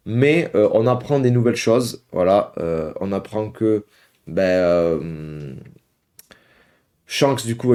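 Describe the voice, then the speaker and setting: With a fairly low, warm voice, a young man chats through a casual at-home reaction video. He talks to his audience as "guys." Hesitations and filler words crop up throughout.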